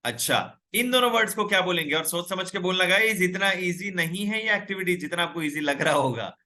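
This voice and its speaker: His voice is high-pitched and sharp, and he talks fairly quickly. The young man runs a live online English class, encouraging students to speak and reading out viewers' names and comments.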